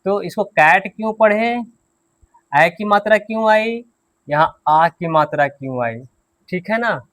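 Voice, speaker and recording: A man's voice: high voice, lively intonation, measured pace, fairly bright tone, no room sound. A man teaching an English grammar and pronunciation class, patiently repeating key points and quizzing his students.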